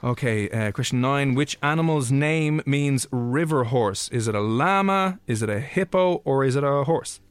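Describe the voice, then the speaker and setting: A man's voice: medium pitch, expressive, normal speed, few pauses, clear, resonant tone, no echo. A man with an Irish accent hosting a radio show and promoting competitions in a chatty, informal way. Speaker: radio host.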